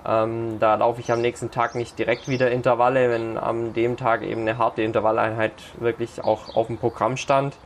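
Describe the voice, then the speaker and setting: Male podcast host, mid pitch, casual and hesitant, faint background noise. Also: level tone, normal speed, hardly any pauses. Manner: hesitant, many fillers.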